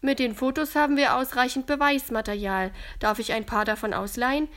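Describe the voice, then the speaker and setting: A woman's voice: a little high, steady tone, fairly quick, a bit bright, natural voice. A woman voicing a polite, businesslike young insurance man.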